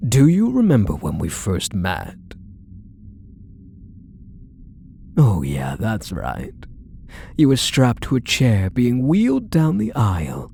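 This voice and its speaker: In an intimate ASMR roleplay, a man acts as a possessive yandere husband, murmuring with doting, smug, quietly menacing condescension in a full character voice. His mellow, creaky voice rises and dips widely in pitch. He coaxes softly, letting condescending endearments and phrases linger.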